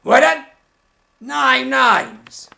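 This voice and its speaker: A performer voicing a vain, touchy male puppet stage actor, hammy, pompous and theatrical, with a creaky, sharp voice in a comic mock interview. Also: mid-range voice, animated, slow pace, full character voice. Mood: indignant.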